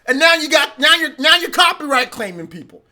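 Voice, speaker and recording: Streamer, male, forties: bright, sharp-edged voice, ranting and repetitive, exasperated live reaction. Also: extremely high pitch, big pitch swings, brisk. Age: 40s. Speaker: livestreamer.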